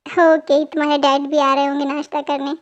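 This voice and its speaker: A young woman voicing a caring mother-in-law who fusses gently. The voice is very high, and the home recording is dull and lo-fi. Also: flat delivery, normal speed, soft background music, natural voice. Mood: fussing. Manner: gentle, fussing. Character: kind caring middle-aged mother-in-law.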